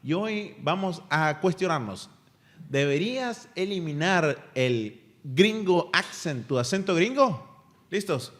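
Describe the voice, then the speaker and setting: Male podcast host, casual chat, energetic, somewhat high voice. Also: slow. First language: Spanish. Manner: energetic and laughing.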